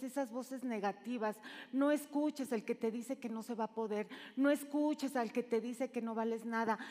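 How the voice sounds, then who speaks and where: Dramatic woman preacher, hall echo. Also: fairly high pitch. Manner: dramatic, swings from loud calls to hushed shushing. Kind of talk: sermon. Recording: long reverb in a large hall.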